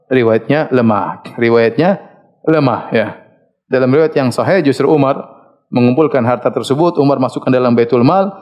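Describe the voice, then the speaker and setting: A man giving an Islamic study lecture. He tells the story in a lively way, chuckling often and stopping to search for words. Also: medium pitch, moderate pace, muffled recording. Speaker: Islamic preacher.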